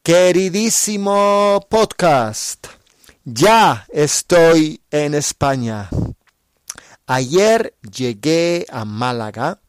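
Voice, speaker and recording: A man reading a travel diary aloud in clear, simple Spanish for learners. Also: on the high side, no room sound. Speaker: narrator of a learners' story. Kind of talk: scripted narration for learners.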